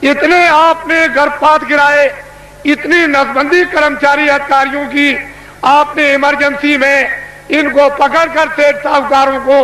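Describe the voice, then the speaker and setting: An older man delivers a booming rally speech in a very high-pitched voice. His pace is slow and declamatory, with repeated phrases and pointed questions. The old public-address recording echoes and carries steady background noise. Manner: declamatory, rhetorical questions, repeats phrases and demands answers from the crowd. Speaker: religious leader addressing a mass gathering. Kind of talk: booming public oratory, political rally-like sermon. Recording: echoing, noisy public-address recording from 1980s.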